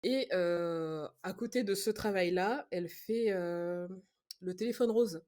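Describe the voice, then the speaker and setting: A woman's voice: lowish voice, measured pace, darkish tone. A woman co-hosting a podcast, chatting casually with friends and laughing often as she explains her pick. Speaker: podcast co-host presenting a film pick. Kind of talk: casual chat among friends. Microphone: online call setup.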